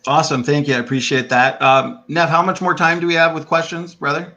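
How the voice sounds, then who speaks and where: A man's voice: fairly high pitch, little pitch movement, brisk, sharp tone, muffled recording. Hesitant male debate moderator. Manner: hesitant, filler-heavy.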